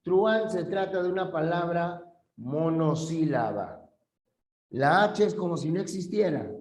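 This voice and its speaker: A man's voice: fairly high pitch, lively intonation, measured pace, darkish tone, roomy sound. A male teacher giving a classroom language lesson, patiently repeating key terms and checking that students follow.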